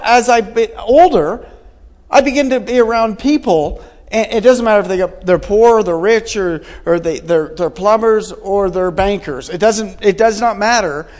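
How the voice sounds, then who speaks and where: A man in his forties gives an earnest sermon with a fairly high voice. He circles back on his points and keeps putting questions to the listeners. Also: a little mellow. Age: 40s. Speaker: pastor.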